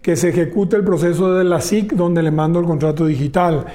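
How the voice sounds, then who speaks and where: High-voiced man explaining business point by point. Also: fairly even intonation, brisk, mellow. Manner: explains point by point, enumerating pillars. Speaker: telecom executive guest.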